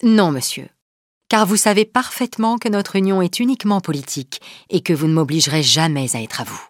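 A woman's voice: on the low side, lively intonation, brisk, no room sound, studio quality, lightly acted. A woman voicing a proud, guarded young queen who answers her husband coolly and formally. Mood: cold.

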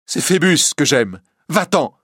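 A man's voice: mid-range voice, fairly even intonation, normal speed, a bit bright, no room sound, clean studio sound, pitched above the performer's own voice, lightly acted. A man reading a story aloud, voicing a frightened young woman who defies her captors and begs for her life. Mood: defiant. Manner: defiant, then terrified pleading.

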